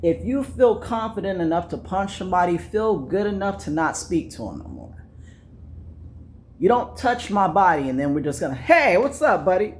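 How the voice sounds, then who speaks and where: A man's voice: high voice, sing-song, normal speed, darkish tone, a little hiss or hum. A man telling a personal story in a casual monologue, blunt and profane, repeating phrases for emphasis. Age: adult. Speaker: vlogger.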